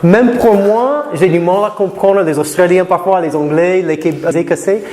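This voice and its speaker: A man from Florida lecturing students in a lecture room, lively, and slowing to careful English for learners. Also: sits high. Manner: lively, switches to slow deliberate English for learners. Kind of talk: classroom talk to students. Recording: reverberant hall with faint noise.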